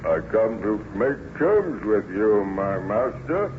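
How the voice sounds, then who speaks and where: A man's voice: fairly low pitch, big pitch swings, slow. A man playing a lonely, bitter, menacing monster in an old-time radio horror drama, with solemn, declamatory delivery. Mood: anguished. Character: lonely, bitter, menacing male monster who learned to speak. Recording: muffled, noisy vintage radio recording.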